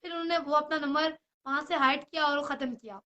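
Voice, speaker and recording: A woman's voice: sits high, fairly even intonation, fast, pushed and bright, lo-fi sound. A young woman, an actress, talking straight to the camera in a rambling, apologetic way, with headphones on and English phrases mixed in. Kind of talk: emotional personal address to camera.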